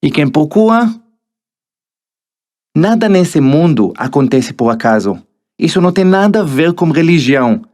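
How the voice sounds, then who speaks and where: A man's voice: on the high side, very animated, a little slow, long pauses, a little mellow. Israeli man narrating his motivational audiobook. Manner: motivational, addresses the listener directly. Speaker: author narrating his own book.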